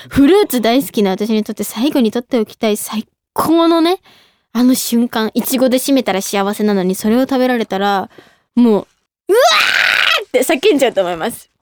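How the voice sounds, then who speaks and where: A young woman hosting a casual radio talk show, reading listener mail with a bubbly, giggly, animated manner. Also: on the high side, normal speed, slight background noise. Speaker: idol radio host.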